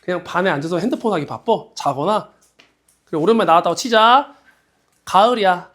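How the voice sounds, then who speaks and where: A male high school biology teacher giving a casual classroom lecture, teasing his students and firing quick questions at them. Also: expressive, a bit bright.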